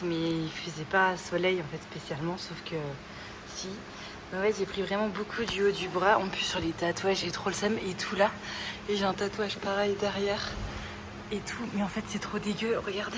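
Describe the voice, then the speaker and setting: Young woman vlogger, self-mocking chatter, clip-on mic, windy outdoor noise. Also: mid-range voice. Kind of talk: casual vlog chat. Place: outdoors on a farm and at home. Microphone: wireless clip-on mic.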